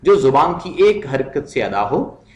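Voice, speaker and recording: Slow, deliberate male teacher. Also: mid-range voice, very animated, reverberant. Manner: explains in Hindi-Urdu mixed with English, reads English lines slowly and repeats words. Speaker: English teacher. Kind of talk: recorded classroom lesson.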